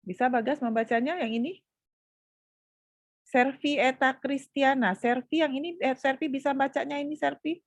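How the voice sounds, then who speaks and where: A woman's voice: high-pitched, fairly even intonation, normal speed, no room sound, clean studio sound. Woman lecturer calling on students in an online class. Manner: calls on students by name, patient prompting. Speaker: university lecturer. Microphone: video call.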